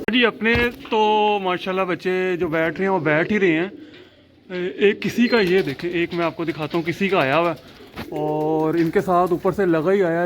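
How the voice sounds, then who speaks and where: A man, chatting excitably in a casual rooftop vlog about his pigeons, often laughing at himself. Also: a little high, noisy background. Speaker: pigeon keeper vlogger. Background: pigeons cooing.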